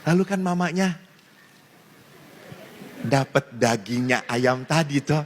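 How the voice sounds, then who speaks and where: Speaking slowly in a medium-pitched voice, a priest shares a comedic sermon framed as a story, laughing often and staying animated through his jokes. The recording has slight background noise, echoing through a reverberant hall with faint ambience.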